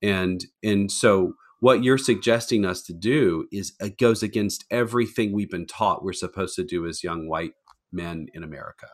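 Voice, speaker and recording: Low-voiced man musing earnestly. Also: normal speed. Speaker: podcast co-host. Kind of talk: casual discussion.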